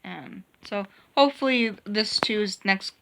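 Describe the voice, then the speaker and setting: This young adult woman, a vlogger, chats casually in a couple's vlog, rambling with plenty of restarts and fillers. Her mid-range voice moves at a slow pace, and there is background noise.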